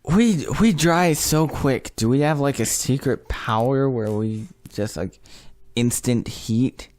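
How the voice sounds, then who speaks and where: A man's voice: medium pitch, slow pace, darkish tone, no echo. A man playing along in a gamebook podcast, chatting playfully and joking with his friends. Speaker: player. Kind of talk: casual chat.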